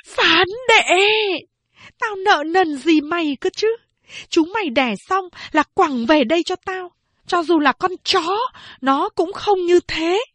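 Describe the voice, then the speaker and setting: A woman's voice: expressive, slow pace, a bit bright, dry recording, heavily acted. A woman playing a shrieking old peasant mother. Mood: furious shouting. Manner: shrill scolding, wailing curses. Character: furious worn-out peasant mother, older woman.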